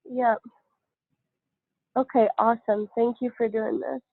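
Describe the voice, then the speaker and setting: A woman with a head cold leads a conference call from home, her voice nasal and a little high. She talks haltingly, with many pauses. The call line is tinny and phone-like, with a dry sound. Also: flat delivery, gravelly, no echo. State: congested with a cold. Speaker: call facilitator. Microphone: iPad on a call.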